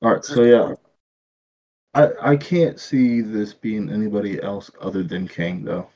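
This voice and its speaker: A man co-hosting a casual podcast, calm and measured, agreeing and weighing in. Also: on the low side. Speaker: podcast co-host. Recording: dull lo-fi mic.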